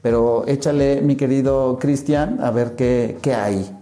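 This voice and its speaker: A man hosting a casual podcast discussion, energetic and often restarting as he steers the talk. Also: mid-range voice, a little slow, echoey room. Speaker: podcast host and moderator.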